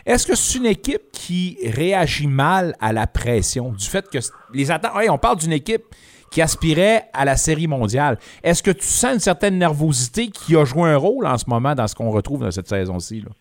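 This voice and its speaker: A man hosting a sports talk radio show, with a punchy, lively delivery. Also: a little high, moderate pace.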